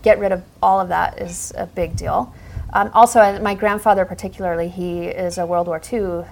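A woman's voice: lowish voice, steady tone, normal speed, creaky, a little mellow, slight background noise, rough recording. A middle-aged woman physician, born in the Netherlands and raised in Montana, chatting as a guest in an interview and telling her story with easy laughs. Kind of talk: casual interview conversation.

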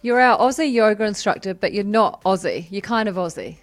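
A woman's voice: mid-range voice, animated, brisk, soft background music. A woman hosting a podcast, chatting casually with a guest and laughing often. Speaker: podcast host. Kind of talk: casual interview chat.

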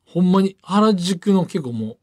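A man's voice: high-pitched, a little slow. A man with a Kansai accent, chatting casually as a radio show co-host and acting out the voices in his stories. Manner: animated storyteller, acts out voices. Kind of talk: casual chat.

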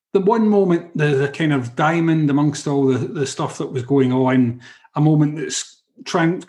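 A man's voice: on the high side, a little mellow. A Scottish man hosting a sports podcast, talking with enthusiasm and throwing rhetorical questions to his co-hosts. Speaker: podcast host. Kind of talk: casual sports podcast chat.

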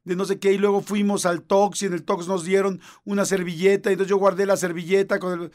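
A man's voice: flat delivery, brisk, a little mellow. A man with a Mexican accent chatting casually as a podcast co-host, telling jokey stories. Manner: jokey storyteller, mimics women in a high voice. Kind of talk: casual chat.

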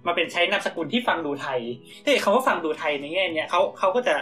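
A man's voice: sits high, lively intonation, fast talker, bright, forceful tone, soft background music. A man co-hosting a casual podcast, telling an improvised story with many fillers and restarts. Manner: rambling, full of fillers and restarts. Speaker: podcast co-host.

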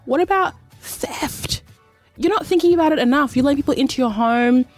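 A woman co-hosting a radio show, telling a story in an animated, gossipy way with bursts of emphasis. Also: high voice, fast talker, no room sound, soft background music. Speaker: radio co-host. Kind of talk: casual chat, storytelling. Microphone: studio mic.

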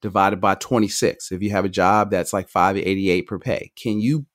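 A middle-aged man, a financial advisor guest on a podcast, talking quickly and energetically, often restarting his sentences. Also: sits low. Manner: energetic, talks fast, jumps between points with restarts. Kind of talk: conversational podcast interview.

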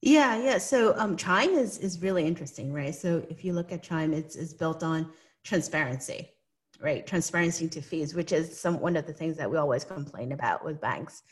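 A woman from Hong Kong, speaking with a Hong Kong English accent, is an interview guest giving earnest, explanatory answers and often checking in with "right?". Her voice is low and moderately paced.

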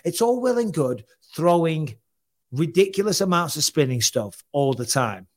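A man in his forties hosting a casual podcast, brash and quick to swear as he tells stories into a studio mic. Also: a little high, sing-song, darkish tone. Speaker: podcast host. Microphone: studio mic with headphones.

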